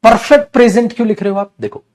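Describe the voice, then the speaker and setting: A man teaching an exam-prep English class while running a fever, animated and addressing students as son and brother. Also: high voice, quick pace. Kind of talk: classroom lecture.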